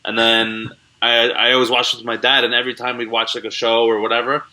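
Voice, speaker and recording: A young man talks casually as a comedian guest on a video call. His voice is very bright and ringing, and his talk is relaxed and full of slang. His pitch sits in the middle for a man. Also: fairly quick, rough recording. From Canada. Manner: laid-back, laughing, slangy. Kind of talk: casual interview chat.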